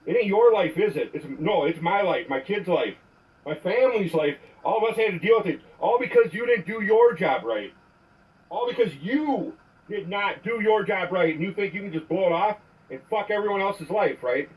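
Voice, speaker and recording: A man's voice: high voice, animated, normal speed, far from the mic, rough recording. A man leaving an angry voicemail on a phone, accusing and swearing as he repeats himself. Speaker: caller. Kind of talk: ranting voicemail.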